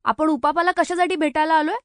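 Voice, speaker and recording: A woman voices a bossy young schoolgirl in a storybook, scolding her friends like a little mother. The voice is high and dry. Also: steady tone, quick pace, no room sound, natural voice. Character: sensible, commanding young schoolgirl.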